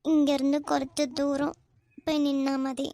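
A woman voicing a sulky, sharp-tongued young village girl in a cartoon, with a Kanyakumari Tamil accent. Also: high-pitched, monotone, a little slow, no echo. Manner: sulky, curt, snapping retorts. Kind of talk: cartoon voice acting.

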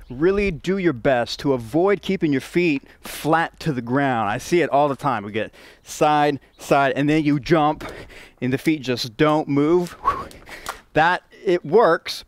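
A young man coaching jump rope rhythms, upbeat and playful, counting beats out loud as he demonstrates. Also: fairly high pitch, no room sound. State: out of breath at times. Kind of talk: instructional video demo.

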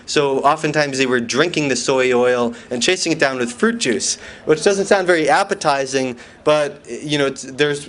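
A man's voice: mid-range voice, a bit bright. A man giving a conference lecture from slides, with dry, wry asides, questions to the audience and many fillers and restarts.

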